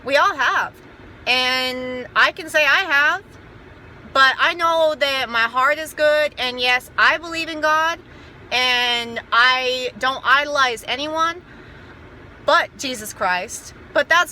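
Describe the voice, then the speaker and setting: An American woman giving an informal motivational talk to camera, earnest, rambling and halting, repeating herself as she goes. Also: sits high, pushed and bright, a little hiss or hum. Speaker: amateur motivational speaker.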